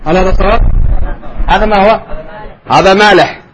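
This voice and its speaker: A man teaching a spelling class, firing quick questions at his students and calling on them to answer. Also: high-pitched, fairly bright tone, a little hiss or hum, poor audio. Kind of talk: classroom lesson.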